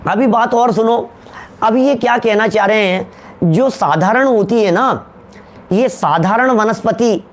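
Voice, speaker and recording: A man a notably high voice teaches a religious lecture. He repeats key terms, slows down to drive them home and keeps putting questions to his listeners. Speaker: Jain scholar giving a discourse.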